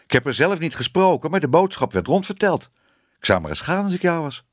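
A man's voice: fairly high pitch, sing-song, brisk, dry recording, clean studio sound, voice pushed up. A man reading a storybook, voicing a sly, scruffy female stray cat who coaxes and needles. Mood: coaxing. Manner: sly, coaxing.

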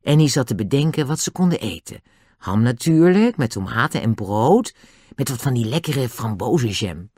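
An audiobook narrator telling a children's adventure story. The delivery is expressive, with a lively, swinging pitch. The recording is dry and close to the mic. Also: moderate pace, no room sound.

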